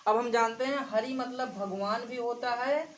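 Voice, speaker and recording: A woman's voice: fairly high pitch, moderate pace, slight background noise, low-quality recording. Woman teaching a grammar lesson. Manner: explains by repeating examples and asking the class questions. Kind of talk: exam-prep grammar lesson.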